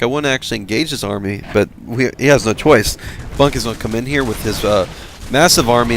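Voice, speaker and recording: Man, game caster, tired, yawning, halting delivery, lots of fillers, mid pitch, faint noise behind. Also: fairly bright tone. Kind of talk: casual game commentary.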